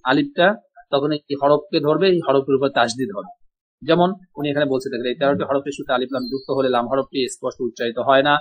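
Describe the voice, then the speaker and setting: A man teaching an Arabic class, speaking slowly and repeating each word for his students to echo. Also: medium pitch. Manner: slow, drills pronunciation, repeats words for students. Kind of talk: online language class. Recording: dull lo-fi audio.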